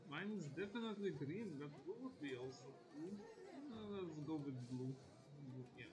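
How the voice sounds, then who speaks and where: A man's voice: a little high, lively intonation, moderate pace, over music, rough recording. A man casually commenting on a game as he plays, laid-back and swearing now and then. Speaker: game streamer. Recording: loud background noise.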